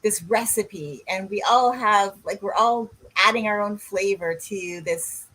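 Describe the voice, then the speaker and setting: A woman's voice: medium pitch, a little slow, pushed and bright, low-quality recording. A woman, a coach co-hosting a podcast in casual chat, rambling and drifting off on tangents. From Canada. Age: 60s.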